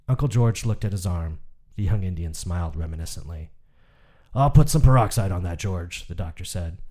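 Deep-voiced man reading a story. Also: warm tone. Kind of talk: scripted literary narration.

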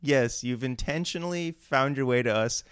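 A man's voice: mid-range voice, normal speed, a bit bright, smooth, dry recording, clean studio sound. A man co-hosting a casual podcast, joking at his own expense and often laughing. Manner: jokey, self-deprecating, breaks into laughter. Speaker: podcast co-host. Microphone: remote call mic.

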